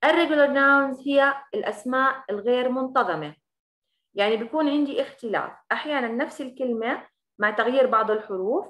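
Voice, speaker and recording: Brief: a woman English teacher with a Levantine accent, fairly high voice, fast explanations that slow down for example words. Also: a bit bright. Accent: Levantine Arabic. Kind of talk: recorded grammar lesson.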